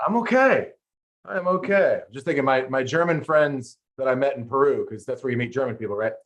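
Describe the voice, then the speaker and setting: This middle-aged man hosts a podcast with a brisk, expressive, mid-range voice, and the highs in the recording are cut off. His casual interview chat keeps rambling off into playful stories.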